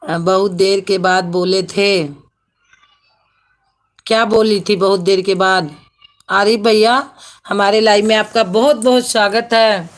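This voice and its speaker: A woman's voice: mid-range voice, steady tone, slow pace, pauses often. A woman hosting a casual live stream on her phone, greeting viewers by name and laughing often. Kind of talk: casual live-stream chat reading comments.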